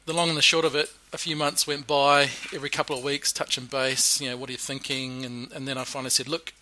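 Bright, forceful man chatting in a back room. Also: medium pitch, little pitch movement, fast talker, low-quality recording. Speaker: guest brewer. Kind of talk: casual podcast interview, telling brewing stories. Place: back room of a bar, recorded live.

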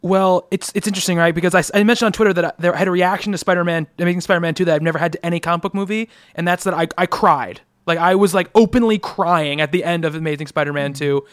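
A man hosting a podcast, talking about a film in an excited, emotional, casual way. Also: high-pitched, racing, hardly any pauses, clear, resonant tone, no room sound, studio quality. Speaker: podcast host. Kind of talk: casual chat.

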